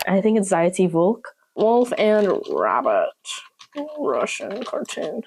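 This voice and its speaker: A woman's voice: medium pitch, sing-song, takes it slowly, a little mellow, a little hiss or hum. A young woman with a slight Southern accent, chatting casually and playfully to the camera as a vlogger, often poking fun at herself. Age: young adult. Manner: chatty, playful, self-mocking.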